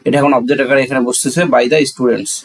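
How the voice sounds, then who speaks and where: This grammar lesson comes from a man with a Bangladeshi accent, a medium pitch, a steady tone, and a slightly breathy edge, who talks fast. In classroom fashion he explains each step, raising questions and answering them himself while moving between Bengali and English.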